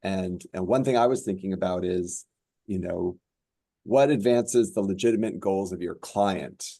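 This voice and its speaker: Low, mellow-voiced judge speaking haltingly. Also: male voice, gravelly, no room sound. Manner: measured, halting with many fillers. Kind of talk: panel discussion remarks.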